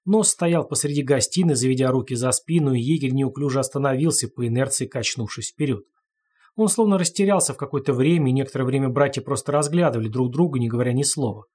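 A man narrating an audiobook in steady storytelling. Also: medium pitch, fast talker, slightly rough.

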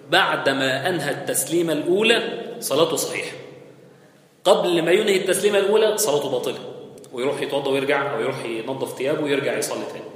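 A man's voice: fairly high pitch, fairly bright tone. A man with an Egyptian accent giving a conversational hadith lesson in a mosque, often checking in with his listeners. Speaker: religious teacher. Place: mosque hall. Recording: very echoey hall with long reverb.

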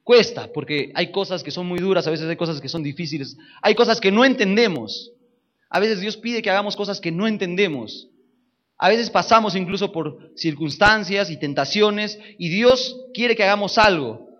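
A man's voice: high voice, normal speed, a bit bright. Emphatic male preacher, lo-fi sound. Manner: emphatic, repeats phrases, asks the audience questions. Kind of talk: sermon.

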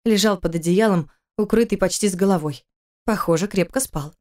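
A woman reads an audiobook story aloud in a steady, even storytelling voice. Her pitch sits in a middle range. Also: a little fast. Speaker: narrator. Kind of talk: scripted audiobook narration.

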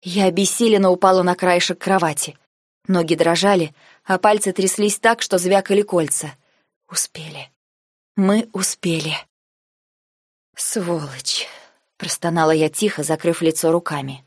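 A woman's voice: lowish voice, steady tone, dry recording, studio quality. Cool, sarcastic woman narrator. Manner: cool, sarcastic, measured first-person storytelling. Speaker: audiobook narrator. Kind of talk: first-person scripted narration.

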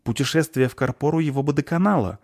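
A sardonic dwarf woman with a blunt, grim manner, as a man does her voice. Her lines are delivered in a warm, close, dry tone. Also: fairly high pitch, quick pace, no echo, pitched above the performer's own voice.

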